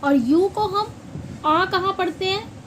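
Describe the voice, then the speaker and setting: A woman teaches with a very high voice, speaking slowly and saying each word several times before asking it back. Faint noise hums underneath. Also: a bit bright, poor audio. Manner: slow, repeats words and asks questions back. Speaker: English pronunciation teacher. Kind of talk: classroom-style lesson.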